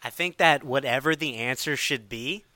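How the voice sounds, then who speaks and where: A man's voice: medium pitch, normal speed, sharp tone, no echo. A man co-hosting a podcast, easygoing and agreeable in casual chat. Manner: easygoing, agreeable, chimes in with backing remarks. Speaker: podcast co-host.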